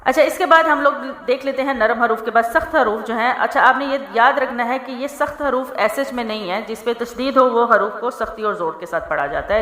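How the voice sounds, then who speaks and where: A woman teaching tajweed rules, spelling out letters and vowel marks and drawing out the recited words slowly, often asking if her listeners follow. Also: on the high side, fairly bright tone. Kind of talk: tajweed lesson. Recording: echoey room with long reverb.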